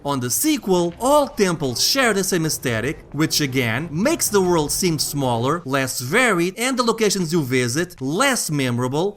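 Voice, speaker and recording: A man's voice: high voice, fairly bright tone. A man narrating a scripted video game review as its host, conversational and wry. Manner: conversational, wry, jokey asides. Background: background music.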